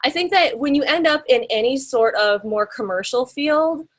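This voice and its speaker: A young American woman with a high voice, speaking at a normal pace, tells her story in an interview. She's a graphic designer, and her delivery is chatty, packed with fillers and rhetorical questions.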